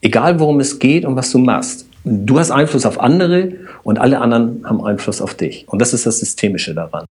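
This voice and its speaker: Husky man explaining calmly. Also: medium pitch, a little fast, few pauses. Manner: explains with everyday examples, addresses host directly. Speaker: systemic coach, podcast guest. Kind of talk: calm explanatory conversation.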